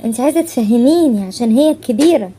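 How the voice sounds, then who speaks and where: A woman's voice: on the high side, animated, rapid-fire, warm tone, soft background music, natural voice. An actress with an Egyptian accent playing an older relative who questions the mother about her treatment of her daughter. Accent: Egyptian Arabic.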